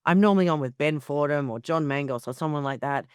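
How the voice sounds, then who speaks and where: A woman in her forties, a journalist guest on a podcast, telling stories frankly and with lively energy. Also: deep voice, fast, clear, resonant tone, dry recording, clean studio sound. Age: 40s. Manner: animated storyteller, frank and swearing. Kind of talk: candid casual interview.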